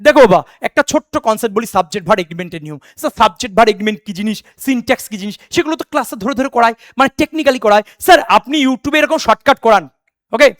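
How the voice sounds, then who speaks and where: During an online exam coaching lesson, a man with an extremely high, slightly bright voice races through English exam prep. He drills rules by repetition, calls students "baba" and "beta", and bursts into fervent motivational pep talks; the studio sound is clean with no echo.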